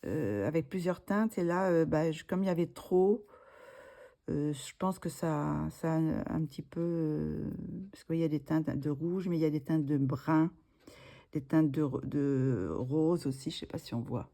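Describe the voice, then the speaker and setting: Low, mellow-voiced woman chatting casually. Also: a little slow. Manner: hesitant, many fillers and restarts. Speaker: art supplies vlogger. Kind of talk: casual haul video.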